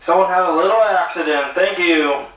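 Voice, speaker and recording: Guy on a store pa loudspeaker doing announcements, higher voice, super echoey and far off, says everything twice. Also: normal speed, lo-fi sound. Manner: repeats each notice with "once again", then signs off "thank you". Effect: store public-address loudspeaker announcement. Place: large store.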